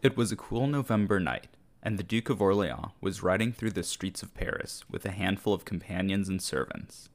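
A man hosting a history podcast, telling the story in a measured, scripted narration. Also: deep voice, soft background music. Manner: measured storytelling, briefly acting out shouted quotes.

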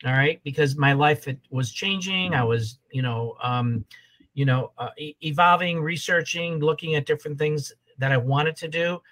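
A holistic health coach in his sixties appears as a guest on a casual podcast, rambling and repeating his points. His voice is a little high and a bit bright, moving at normal speed, and the audio quality is poor.

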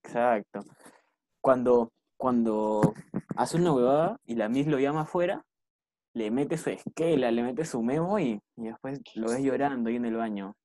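A man's voice: medium pitch, moderate pace, darkish tone, dry recording. Man, podcast co-host, blunt and direct, keeps things on topic. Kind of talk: casual chat.

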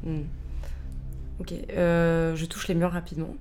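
A woman with a fairly low voice plays a tabletop role-playing game. Her talk is casual, animated and slangy, improvised over clearly audible music. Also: a little slow. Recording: music behind the voice.

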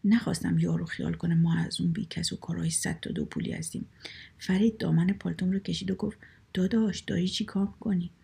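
A woman narrates a comic short story in a wry, conversational way. Her voice is strongly gravelly and breathy, with a dark, mellow tone. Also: on the low side, steady tone. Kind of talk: storybook reading.

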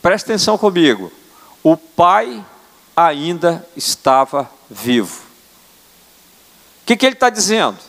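Older male apostle, high-pitched, earnest sermon delivery, church hall reverb. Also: very animated, unhurried, long pauses, fairly bright tone. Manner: earnest preaching, tag questions. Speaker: apostle preaching. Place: church sanctuary.

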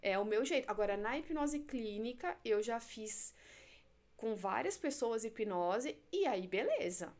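Woman, hypnotherapist podcast guest, slightly high-pitched, animated storyteller. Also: a little slow. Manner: animated, acts out scenes and quotes. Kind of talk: casual podcast conversation.

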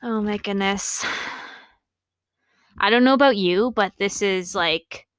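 A woman's voice: medium pitch, takes it slowly, clear, resonant tone, no echo. Amused woman reading her old diary. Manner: amused, self-mocking asides between readings; laughs while reading. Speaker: podcast host. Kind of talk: reading her childhood journal aloud with commentary.

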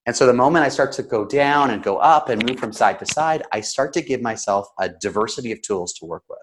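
A man who is slightly sick, coaching conversationally with examples in a practised storyteller's delivery, with emotion and deliberate pauses. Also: mid-range voice, expressive, noisy background. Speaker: storytelling coach and interview guest.

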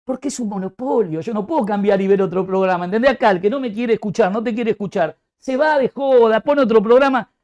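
A man with an Argentine Rioplatense accent ranting comically as an excitable, exaggerated football fan. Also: sits high, fast, hardly any pauses, highs cut off. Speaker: comic talk show host. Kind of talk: comic rant.

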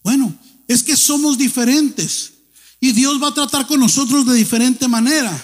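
Brief: middle-aged male pastor, very high voice for a man, animated joking sermon, long church hall reverb. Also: normal speed. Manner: animated, joking, exhorting the congregation.

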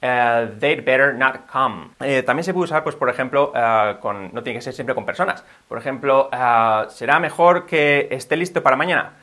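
A man with a Spain Spanish accent teaches a video lesson in an upbeat, patient way. His voice sits at a middle pitch with a bright, ringing edge. He explains steadily, like a teacher used to talking to the camera. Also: normal speed, hardly any pauses. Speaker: language teacher.

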